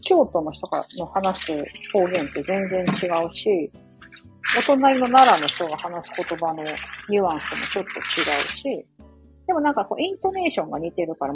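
A woman from Osaka hosting a casual live stream from her home kitchen, chatting in a rambling way full of fillers and quick apologies. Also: on the low side, gravelly, low-quality recording. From Osaka, Japan. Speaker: live audio stream host. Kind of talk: casual chat while cooking, reading listener comments.

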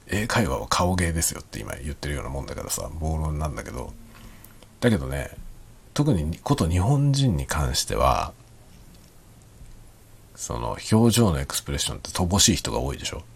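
Man, very low husky voice, lively pitch, quiet late-night rambling solo chat with chuckles. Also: moderate pace, long pauses. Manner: soft, rambling, self-deprecating, chuckles often; speaks quietly while drinking. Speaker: podcast host.

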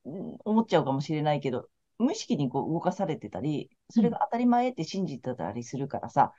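Low, quick-talking woman tarot counselor on a podcast. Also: very animated, dark tone. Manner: chatty, frank, laid-back. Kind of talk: casual podcast chat. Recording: slightly muffled lo-fi audio.

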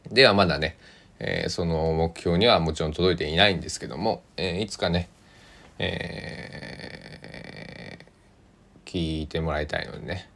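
A man with a deep voice and a Kochi accent hosts a casual solo radio show. He rambles at an easy pace, pausing often and trailing into soft asides. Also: creaky. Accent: Kochi (Tosa) Japanese. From Kochi, Japan. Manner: rambling, unhurried, many hesitations and soft asides. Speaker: podcast host.

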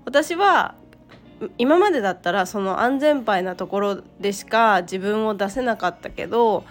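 Woman, hoarse croaky cold-roughened voice, casual solo podcast monologue, halting delivery, music behind. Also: mid-range voice, lively intonation. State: hoarse from a cold, throat-clearing.

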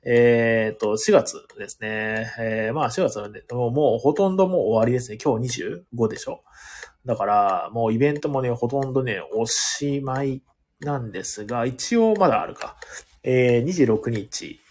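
Hoarse man chatting on a live stream. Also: medium pitch, animated, normal speed, darkish tone. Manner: rambling and chatty, many fillers, talks to himself. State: hoarse, losing his voice. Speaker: live audio stream host, board game venue owner. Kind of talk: casual live-stream chat, reading listener comments.

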